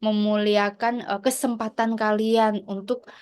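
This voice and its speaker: A woman's voice: medium pitch, flat delivery, unhurried, a little mellow, smooth. A woman lecturer giving an online class over a video call, encouraging her students and mixing in English phrases between fillers. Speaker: university lecturer.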